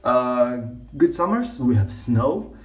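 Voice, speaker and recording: A man's voice: mid-range voice, big pitch swings, slow. A man from Latvia chats casually and jokingly as a podcast guest, recorded in an echoing bathroom. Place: bathtub in a small bathroom. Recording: echoing bathroom, somewhat distant from mic.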